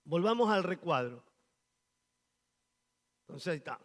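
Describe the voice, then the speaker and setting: A man preaching a sermon as pastor, rising loud on key phrases. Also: fairly high pitch, expressive, unhurried, big-room sound. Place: church sanctuary.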